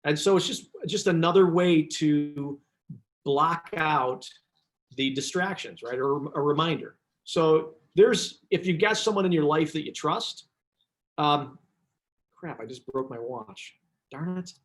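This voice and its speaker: A man's voice: on the high side, measured pace. A man who works as a business coach, telling chatty anecdotes and often drifting off track mid-sentence. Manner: chatty, rambling, self-interrupting. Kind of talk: casual talk, telling anecdotes.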